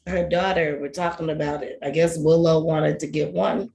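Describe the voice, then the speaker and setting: A woman chimes into a friendly chat, thinking aloud and sounding unsure of herself. Her voice sits on the low side. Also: fairly even intonation, moderate pace, vocal fry, warm tone. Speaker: guest. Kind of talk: casual group chat.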